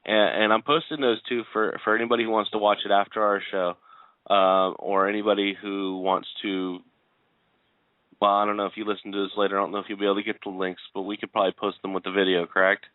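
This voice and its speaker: Low-voiced radio co-host on a tinny line. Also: male voice, level tone, quick pace, no room sound. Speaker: co-host of a political talk show. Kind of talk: casual political talk radio. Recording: dry, tinny phone-like audio.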